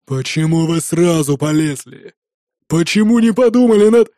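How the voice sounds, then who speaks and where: A man's voice: a little high, expressive, unhurried, mellow, dry recording, studio quality. A man voicing a hot-tempered, sarcastic male viking rower in an audiobook, sneering and hammering every word. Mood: scolding. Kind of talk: audiobook character voice.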